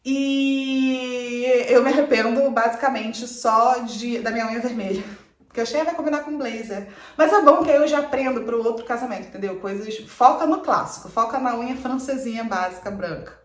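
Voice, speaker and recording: Young woman, fairly high voice, casual vlog storytelling, fast and chatty, echoey room. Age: 20s. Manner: chatty, fast, animated retelling with quoted asides. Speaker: vlogger.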